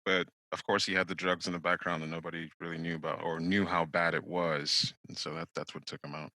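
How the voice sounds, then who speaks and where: A man's voice: low-pitched, level tone, fairly quick, sharp tone, no room sound, poor audio. A man co-hosting a casual podcast, joking, swearing and laughing often. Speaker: podcast co-host.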